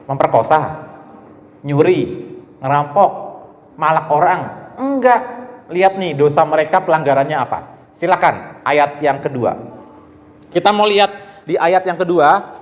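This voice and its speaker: A pastor delivering an animated sermon to young students, now and then calling quoted lines out loud. His voice sits high for a man. The sound carries a long reverb from a church hall. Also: unhurried, pauses often. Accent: Indonesian. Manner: animated preaching, shouts out quoted lines, playful asides.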